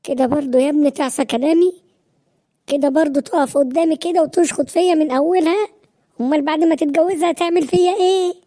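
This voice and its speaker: A dramatic, overbearing cartoon mother in an Egyptian Arabic accent, voiced by a woman. Her voice is fairly high. She nags and guilt-trips. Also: fast, mellow, close to an everyday voice. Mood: scolding. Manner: melodramatic, nagging. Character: overbearing middle-aged mother, dramatic and tearful.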